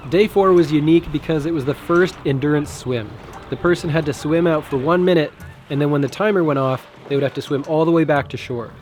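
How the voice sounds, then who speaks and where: A man's voice: on the high side, brisk, a little mellow, slight background noise. A man giving scripted voice-over narration for a challenge vlog he took part in. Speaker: narrator and participant.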